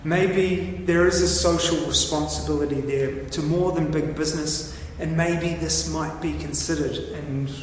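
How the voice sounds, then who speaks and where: A New Zealand man takes part in a casual brainstorming discussion, speaking slowly and haltingly as he thinks aloud with many ums. His voice is on the high side with fairly even intonation. He is recorded from a distance in an echoey room with long reverb and faint noise.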